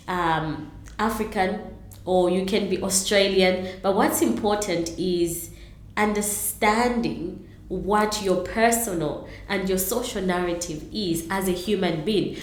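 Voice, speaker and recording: A woman's voice: mid-range voice, slow pace, roomy sound. A middle-aged woman from Zambia, answering interview questions earnestly, with many ums and restarts. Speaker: interview guest, entrepreneur.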